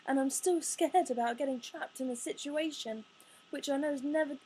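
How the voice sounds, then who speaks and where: A woman in her twenties talking about her own life in a halting way, restarting phrases, her words sometimes coming out in a rush. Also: sits high, a little mellow, slight background noise, poor audio. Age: 20s. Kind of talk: personal confessional talk.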